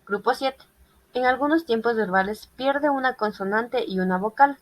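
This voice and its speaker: A woman's voice: a little high, normal speed, low-quality recording. A woman reading a group class presentation on irregular verbs, listing examples methodically. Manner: methodical listing of verb forms. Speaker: student presenter.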